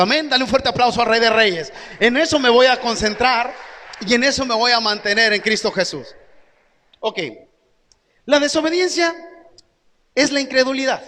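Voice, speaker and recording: A male pastor preaching an emphatic sermon, his voice swinging suddenly up and down in pitch. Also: a bit bright. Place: church hall. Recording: echoey church hall.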